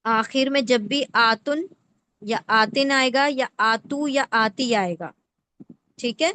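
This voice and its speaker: There's a little hiss or hum behind this woman, whose voice is on the high side with a sharp tone. Patiently teaching the Quran word by word, she breaks words apart and regularly poses rhetorical questions to check in with her listener.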